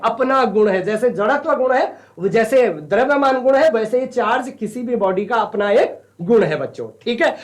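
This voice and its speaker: A male physics teacher giving a studio lecture for a virtual classroom, who asks the class a question and answers it himself. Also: very high-pitched. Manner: asks questions and answers them himself, calls students "children". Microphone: studio mic.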